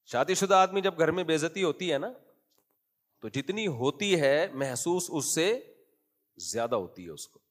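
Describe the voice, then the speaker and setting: A man's voice: fairly high pitch, expressive. A man giving a humorous, conversational sermon as a preacher, telling family anecdotes in a joking tone. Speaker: Islamic preacher.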